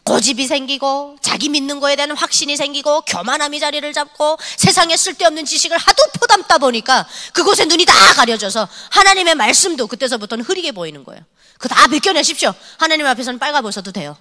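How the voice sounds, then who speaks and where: A young woman from North Korea giving a lively testimony sermon at a church youth service, scolding and acting out conversations. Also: sits high, quick pace, in a large hall. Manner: animated, scolding, acts out dialogue. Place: church hall.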